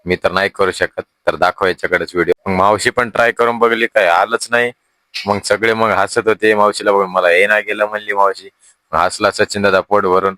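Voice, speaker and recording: A man's voice: low-pitched, bright, forceful tone, no room sound. A man vlogging a family trip, talking casually and addressing his viewers directly. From Telangana-Maharashtra border region, India. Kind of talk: casual vlog narration.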